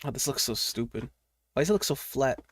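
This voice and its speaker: A young man streams while drawing, chatting casually, rambling, swearing, and muttering to himself as he works. His medium-pitched voice is expressive and slightly rough, and he speaks briskly.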